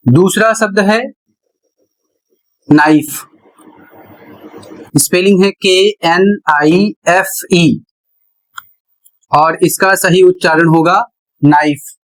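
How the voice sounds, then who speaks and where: A man teaching a classroom lesson, explaining slowly and spelling words out letter by letter. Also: high voice, fairly bright tone, poor audio. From India. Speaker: English teacher.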